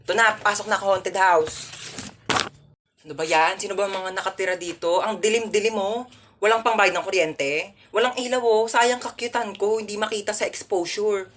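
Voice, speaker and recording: A woman's voice: mid-range voice, fairly even intonation, moderate pace, a little hiss or hum. Sassy Filipina woman doing comic skits. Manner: playful, sassy, rambling monologues. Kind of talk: comedic skits.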